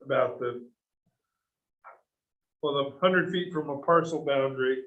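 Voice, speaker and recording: A man's voice: medium pitch, measured pace, a bit bright, roomy sound. Man on a choppy, cutting-out call. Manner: hesitant, thinking aloud with fillers. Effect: choppy audio cutting out over a weak connection. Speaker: town board member. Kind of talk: workshop meeting discussion. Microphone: video call. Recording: dull, choppy video call audio.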